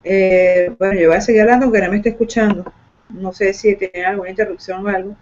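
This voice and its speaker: A woman's voice: mid-range voice, steady tone, quick pace, a little mellow. Hesitant woman teacher on a lo-fi call. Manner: hesitant, many fillers and restarts. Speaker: computer science teacher. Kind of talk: online class presentation. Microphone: video call microphone. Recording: dull lo-fi call audio.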